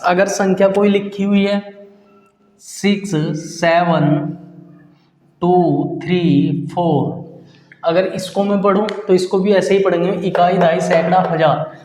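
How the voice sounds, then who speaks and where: A man's voice: high voice, darkish tone, reverberant, in a large hall. A man teaching a maths lesson. He asks questions and answers them himself, and he repeats key terms as he counts out numbers. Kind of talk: classroom lesson at a board.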